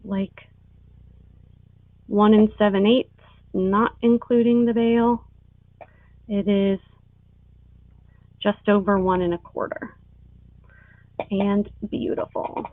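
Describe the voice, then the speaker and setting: A woman's voice: medium pitch, steady tone, slow, pauses often, no echo. A woman working as an auctioneer on a live online sale, presenting items and calling bids. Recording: tinny phone-like sound.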